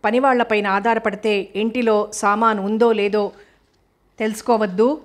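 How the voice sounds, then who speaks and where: A woman's voice: medium pitch, steady tone, moderate pace, close to an everyday voice. A woman reading the lines of an angry elderly father-in-law who lectures sternly.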